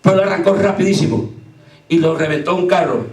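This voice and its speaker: Male pastor yelling out a sermon, real high voice, roomy echo from far back. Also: fairly quick. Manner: fervent, often shouting, with anecdotes. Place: church sanctuary. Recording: echoey church from far off.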